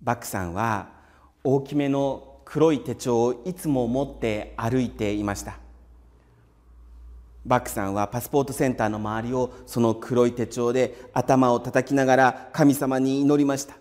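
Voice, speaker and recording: A man preaching a calm, measured sermon in a steady voice, sometimes dropping to a hushed whisper. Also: medium pitch, long reverb tail. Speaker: pastor.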